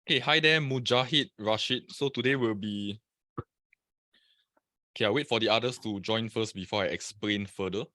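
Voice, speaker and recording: A man's voice: fairly low pitch, moderate pace, bright, forceful tone, no room sound, clean studio sound. A man from Singapore presenting a live trading webinar, chatting and greeting viewers by name over a computer mic.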